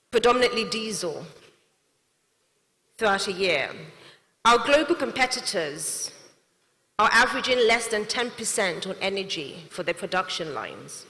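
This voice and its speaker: Speaking in a mid-range voice with a bright, forceful edge, a young adult female CEO and manufacturer delivers an earnest, prepared speech to a big hall's audience. She isn't from Nigeria, and the room gives a long reverb.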